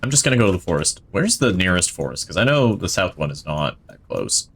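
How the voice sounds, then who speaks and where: A male streamer with a fairly low voice that swings widely in pitch as he talks. He rambles through casual gameplay commentary, thinking aloud and gushing with enthusiasm. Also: sing-song, fairly quick, vocal fry, a bit bright, slight background noise. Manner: enthusiastic about the game.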